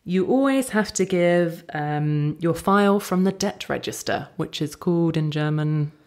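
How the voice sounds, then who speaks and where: A woman co-hosting a podcast in casual chat, jokey and quick to laugh. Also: fairly low pitch, a little mellow. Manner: chatty, jokey, laughs often. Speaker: podcast co-host.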